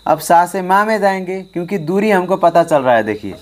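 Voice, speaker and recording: A man's high, sing-song voice moves a little fast over loud music as he teaches harmonium online, with faint harmonium in the background. He addresses his students directly and stresses important points by repeating them.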